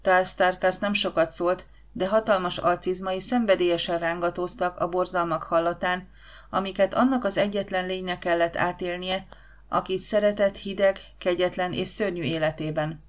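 Woman reading an audiobook, lowish voice, steady dramatic telling. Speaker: audiobook narrator. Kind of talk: scripted audiobook narration.

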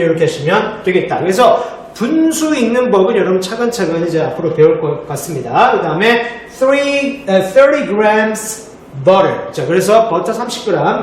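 A man teaching English in a remote lesson for middle school students, explaining step by step and answering his own questions. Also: high-pitched. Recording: echoey room, faint noise.

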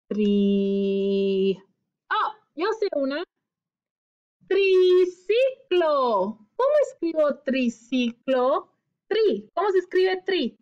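A woman's voice: high-pitched, dull audio. A woman teaching children a phonics lesson, patiently sounding out syllables, rolling her R and answering her own questions.

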